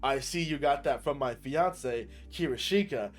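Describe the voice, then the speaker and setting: A big, boisterous demon king, as a man voices him booms and swaggers through his lines. The man keeps close to his own voice, just louder. Faint music plays beneath. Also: measured pace, natural voice. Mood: swaggering.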